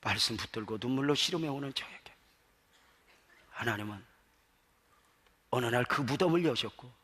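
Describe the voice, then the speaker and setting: A male pastor preaching a sermon. He moves from hushed storytelling to shouted exhortation and calls on the congregation to answer aloud. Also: medium pitch, slightly rough. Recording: long hall reverb.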